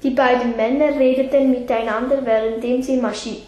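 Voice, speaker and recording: A woman's voice: fairly high pitch, fairly even intonation, normal speed, darkish tone. A woman reading a story aloud carefully, in an echoey room. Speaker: story reader. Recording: echoey room with faint noise.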